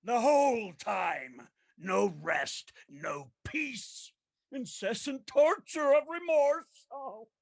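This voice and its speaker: High, wailing ghost of Jacob Marley. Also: male voice, lively intonation, gravelly, exaggerated voice. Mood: anguished remorse. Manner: slow, declamatory, mournful, moaning drawn-out cries. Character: tormented ghost of a dead miserly businessman, wailing in remorse. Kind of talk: theatrical radio play acting.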